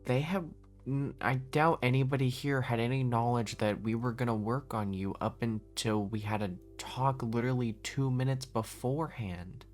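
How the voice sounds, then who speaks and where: A man's voice: medium pitch, moderate pace, soft background music, natural voice. A man voicing a weary male leader in a casual voice-acted roleplay, reasoning aloud and restarting his sentences. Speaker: roleplay lead.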